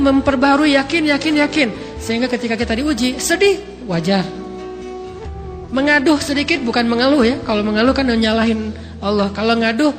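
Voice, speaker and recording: A man's voice: very high-pitched, in a large hall. Man preaching a sermon over music. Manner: conversational and playful, with rising emphatic stresses. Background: background music.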